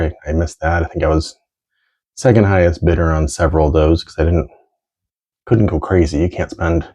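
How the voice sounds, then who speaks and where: A middle-aged American man, a vintage sports card collector, rambles and thinks aloud while showing his collectibles in a casual, unscripted show-and-tell. It's a lo-fi home recording, and his voice is low, warm and breathy-edged.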